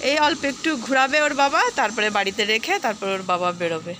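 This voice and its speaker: A woman's voice: a little high, expressive, fast talker, sharp tone, slight background noise. A young woman vlogging casually at home, chatting and cooing to her pet dog. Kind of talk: casual home vlog narration. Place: at home, indoors and outside.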